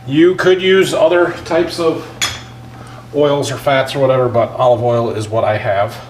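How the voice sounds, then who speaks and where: A man with a mid-pitched voice hosts a casual home cooking show. He explains each step in a folksy way while he works. The recording has faint kitchen noise and clatter behind him. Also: fairly even intonation, a little slow, rough recording.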